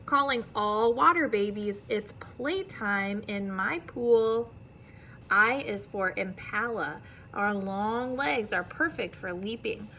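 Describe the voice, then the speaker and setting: Speaking slowly at medium pitch, this American woman, likely in her thirties, has a bright, forceful tone over slight background noise. She reads a children's picture book aloud in an indoor classroom like a teacher, carefully and expressively, turning to the young listeners with friendly asides.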